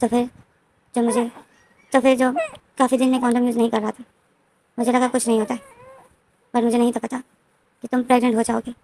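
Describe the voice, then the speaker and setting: A possessive older brother, played by a woman storyteller murmurs soft apologies. He talks plainly and a bit high, with no real remorse in the delivery. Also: steady tone, normal speed, pauses often, close to an everyday voice. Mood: apologetic.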